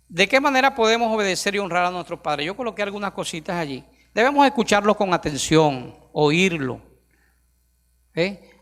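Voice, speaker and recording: Preacher guy, middle-aged, gravelly voice, lots of emphatic questions at the church. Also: high-pitched, fairly bright tone. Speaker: pastor. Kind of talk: sermon. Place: church sanctuary. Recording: long hall reverb.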